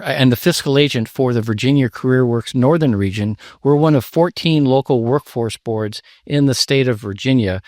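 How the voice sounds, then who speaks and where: A man's voice: mid-range voice, no echo, clean studio sound. A middle-aged man, a nonprofit CEO, answering interview questions in a businesslike way, listing facts and figures. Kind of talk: conversational interview. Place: studio in Washington, DC.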